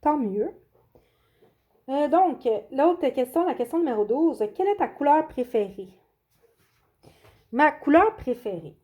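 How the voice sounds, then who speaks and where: A woman's voice: sits high, sing-song, warm tone. A woman, chatting casually and hesitantly with her viewers, often apologetic and poking fun at herself. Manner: hesitant, pauses often with fillers; self-deprecating and apologetic. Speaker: coloring channel host. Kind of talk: casual chat answering a video tag.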